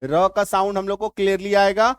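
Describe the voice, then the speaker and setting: A man teaching English spelling and pronunciation in Hindi, going slowly, repeating words and often checking whether his viewers understood. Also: high voice, level tone, clean tone, dry recording, studio quality. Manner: slow and repetitive, often checking that viewers follow. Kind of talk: spoken Hindi spelling lesson.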